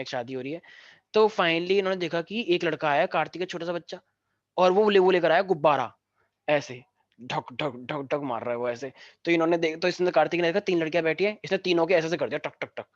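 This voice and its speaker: A male physics teacher, teaching a class online, who mixes jokey stories into the lesson and dictates notes slowly. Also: fairly high pitch, no room sound. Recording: dry, dull lo-fi sound.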